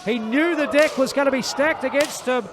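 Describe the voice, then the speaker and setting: A man working as a play-by-play wrestling commentator, making emphatic, dramatic, excited calls of a match. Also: very high voice, normal speed. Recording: live crowd noise behind. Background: wrestling event crowd.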